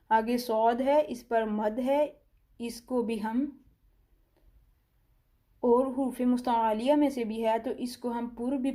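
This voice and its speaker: A woman with a Pakistani Urdu accent teaching tajweed step by step. She draws out letter sounds slowly, then explains them calmly. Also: on the high side. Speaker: Quran recitation teacher. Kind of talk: slow step-by-step tajweed lesson.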